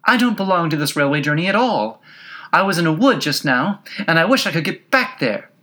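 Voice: mid-range voice, lively intonation, normal speed, fairly bright tone, pitched above the performer's own voice, close to an everyday voice. A narrator voicing a young storybook girl, prim, plucky and insistent. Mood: impatient. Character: impatient young girl, polite but plucky.

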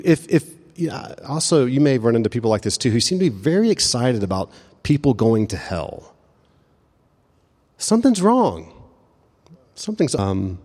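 A man preaching a sermon in a conversational way, often restarting phrases and slowing down to stress the scripture he reads. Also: medium pitch, a little mellow, in a large hall. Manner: conversational, self-interrupting, slows for emphasis on quoted scripture. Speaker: pastor.

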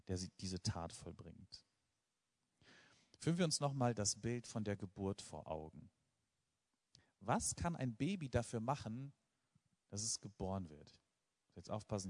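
A man preaching a sermon to a live congregation, earnest and emphatic, driving points home with rhetorical questions and repetition. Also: lowish voice.

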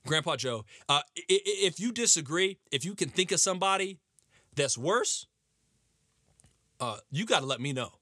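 A man ranting sarcastically in a lively, animated way, recorded close and dry. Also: a little high, normal speed, dry recording. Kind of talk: comedic rant.

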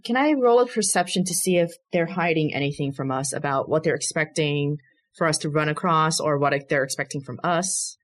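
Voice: medium pitch, a little fast. A player at a tabletop game, talking casually about rolls and asking questions.

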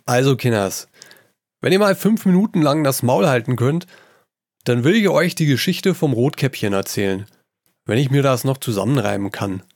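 Man, storyteller, gruff salty sailor manner, mid pitch, dry close mic. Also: expressive, normal speed, a little mellow, no echo. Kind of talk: performed reading of a comic story.

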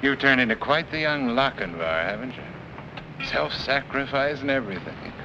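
A man's voice: medium pitch, expressive, close to an everyday voice. A man playing a relentless, sardonic, coolly patient police detective in 1940s film noir style. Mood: menacing, sardonic. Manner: cold, sardonic, deliberate. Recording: muffled, noisy old film soundtrack.

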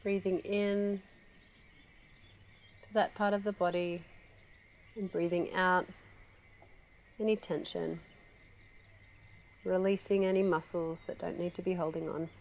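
A woman guiding a relaxation meditation, speaking slowly and softly with long pauses. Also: lowish voice, creaky. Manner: slow, soft, calm with long pauses. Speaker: meditation guide.

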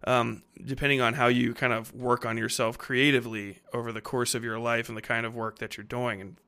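Fairly quick and flat in delivery, a man in his thirties speaks in a bright, clean, forceful mid-range voice with vocal fry. He's a podcast host and fiction writer, rambling off the cuff in a blunt, slangy monologue heavy with swearing.

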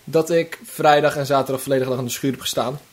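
A man's voice: medium pitch, steady tone, fast. A young man co-hosting a casual podcast, talking hesitantly, laughing often and playing himself down. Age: young adult. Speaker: podcast co-host. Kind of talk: casual chat.

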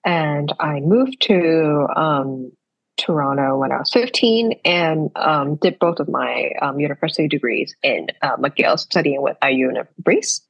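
A young woman from Hong Kong talks as a guest on a percussion podcast. Her voice sits on the low side and has a husky edge. She speaks thoughtfully, stopping often to gather her words. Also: lo-fi sound. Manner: thoughtful, with frequent "um" pauses. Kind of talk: casual podcast interview.

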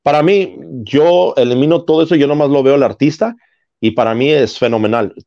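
A man's voice: medium pitch, a little fast, dark tone. A man, co-hosting a casual podcast chat and explaining his views through long analogies. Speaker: podcast co-host. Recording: slightly dull lo-fi sound.

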